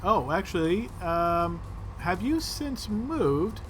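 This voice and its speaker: A man's voice: sits high, very animated, takes it slowly, slight background noise. A man acting as game master, narrating and refereeing a tabletop role-playing game.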